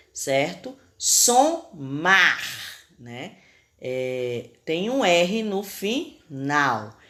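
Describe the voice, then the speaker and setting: A low-pitched woman teacher with a Brazilian Portuguese accent gives children a recorded spelling lesson, carefully sounding out letters and syllables.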